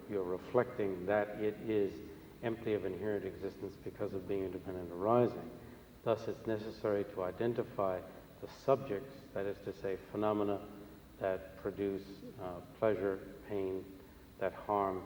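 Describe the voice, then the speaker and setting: A man with a low, mellow voice interprets a religious teaching in measured, formal phrases, pausing often. The sound is very echoey, as in a large hall. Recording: echoey hall, long reverb, faint noise.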